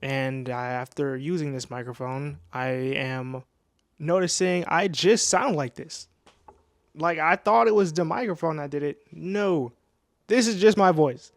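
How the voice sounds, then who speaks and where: A man's voice: fairly high pitch, measured pace, no echo, studio quality. A nineteen-year-old man telling a casual storytime into his microphone at home, rambling with lots of restarts and slang. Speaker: vlogger. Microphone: new desk microphone.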